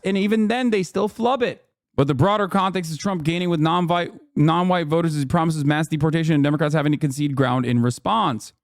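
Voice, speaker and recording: A man's voice: fairly high pitch, no echo, clean studio sound. A man streaming a reaction, ranting heatedly about politics with heavy swearing and emphatic repetition. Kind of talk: live-stream reaction rant.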